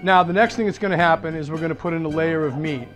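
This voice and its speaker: A middle-aged man with a Massachusetts accent talks through a recipe step by step, chatty and easygoing. His voice sits high for a man. Clear music plays underneath him the whole time. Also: quick pace, fairly bright tone. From Massachusetts, USA. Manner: chatty, explains steps as he cooks, laughs at himself. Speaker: host cooking for dinner guests. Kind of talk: casual cooking demonstration. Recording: music playing behind the voice.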